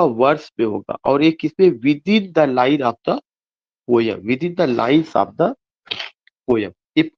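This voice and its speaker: Male tutor, deliberate and repetitive, asks and answers his own questions; muffled low-fi audio. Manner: repeats each point and quizzes himself aloud; reads English slowly word by word, explains in quick Hindi. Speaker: English literature teacher. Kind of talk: exam-prep lecture mixing Hindi and English.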